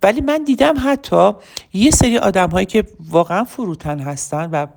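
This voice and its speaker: A middle-aged woman coaching public speaking, with a gravelly, creaky edge to her voice. Her pitch sits mid-range. She drives her points home with pointed rhetorical questions. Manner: animated, rhetorical questions, plays out example speeches. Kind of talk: teaching talk, addressed to listeners.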